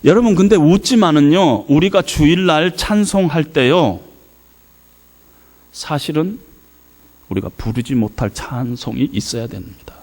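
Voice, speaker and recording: A middle-aged man from South Korea preaching a revival sermon in a church, telling a family story with many hesitant fillers and sudden swings from hushed to loud. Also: on the high side, lively intonation, measured pace. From South Korea, Yeosu area. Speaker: guest pastor. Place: church sanctuary.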